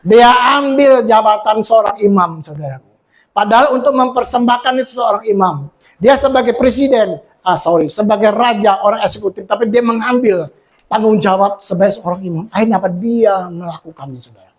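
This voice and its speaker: High-voiced male pastor preaching a sermon. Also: fairly quick. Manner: preaches with rising shouts and repeated "saudara" tags. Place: church.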